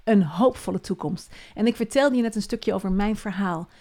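Woman doing a devotional podcast, earnest and encouraging, goes soft and hushed a lot. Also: medium pitch, moderate pace. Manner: earnest and encouraging, often dropping to a soft hush.

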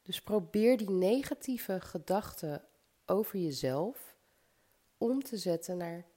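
Her mid-range voice is warm, with lively intonation and an unhurried pace. Though she has a slight cold and a stuffy nose, this podcast host speaks directly to the listener in an upbeat, motivational self-help monologue.

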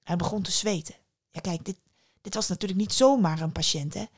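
A woman narrates a fairy tale in a calm, close storytelling voice, slipping into chatty little asides. Her mid-range voice carries a steady gravelly fry. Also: medium pitch, brisk. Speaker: podcast host and storyteller.

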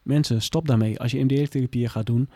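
A man's voice: medium pitch, fairly even intonation, quick pace, dark tone, no echo, clean studio sound. A man in a candid interview who speaks bluntly and plainly and often swears. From Groningen. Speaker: guest, former police officer.

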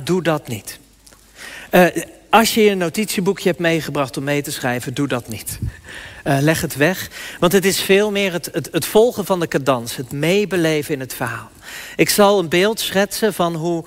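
A man's voice: a little high, a bit bright. A man, a pastor, speaking in church, explaining informally with some hesitation, then reading scripture and performing spoken-word poetry.

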